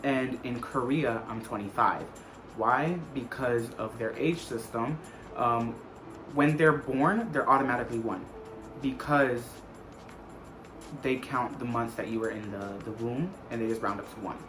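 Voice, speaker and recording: This American man in his twenties talks a little slowly in a mid-range voice, answering questions to camera in a casual, somewhat rambling vlog style. He tends to repeat phrases for emphasis. The audio is poor, and music plays in the background.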